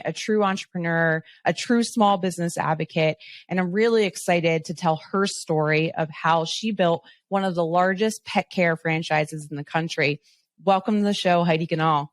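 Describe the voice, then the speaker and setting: A woman hosting a business podcast, reading scripted intros and asking quick, upbeat follow-up questions. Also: fairly low pitch. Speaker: podcast host. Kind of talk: reading ad copy and interviewing.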